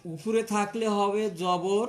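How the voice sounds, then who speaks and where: A man's voice: high-pitched, fairly even intonation, slow pace. A man with a Bangladeshi Bengali accent teaching Quran reading in a patient lesson, repeating each point step by step after a formal greeting.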